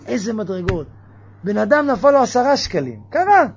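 Animated man preaching with mocking questions. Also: high-pitched, muffled recording, slight background noise. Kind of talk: religious sermon.

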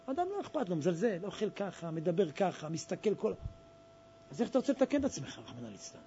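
A man preaching a fervent sermon, exhorting his listeners and swinging between hushed and loud passages. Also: high-pitched, big pitch swings, a little hiss or hum. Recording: dull lo-fi recording.

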